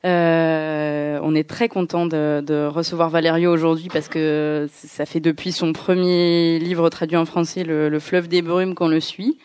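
A woman hosting an author event, introducing and questioning a guest in a hesitant, halting way. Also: sits low, little pitch movement, a little mellow, clear, resonant tone. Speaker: host of a bookshop author event. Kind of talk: live event introduction and interview.

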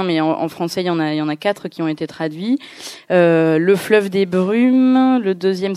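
A woman hosting an author event, introducing and questioning a guest in a hesitant, halting way. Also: fairly low pitch, darkish tone, clean tone, no echo, clean studio sound. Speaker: host of a bookshop author event. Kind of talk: live event introduction and interview.

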